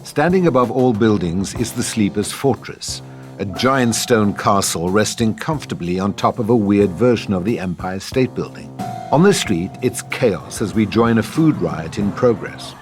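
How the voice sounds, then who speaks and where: A man reads a script's scene directions aloud in a scripted style, his fairly low voice expressive and at a normal speed. Music is clearly audible behind him.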